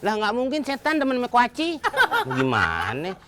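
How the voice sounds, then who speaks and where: A man's voice: very high voice, huge pitch swings, normal speed, very noisy, heavily acted. A man playing a teasing, wisecracking nurse in a comedy sketch. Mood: joking. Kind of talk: comic sketch banter.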